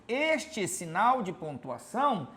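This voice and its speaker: A Paraense-accented man from Belém, Pará, Brazil, teaches Portuguese grammar in a high, very animated, bright and forceful voice, taking it slowly. He asks rhetorical questions nonstop, adds "tá?" to his lines and writes examples on a board; there's a little hiss or hum.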